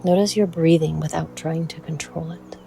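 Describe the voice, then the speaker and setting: Frequent pauses shape the soothing, measured speech of a meditation guide whose mid-range voice keeps a steady tone. The sound is soft, at times breathy, with a little background noise.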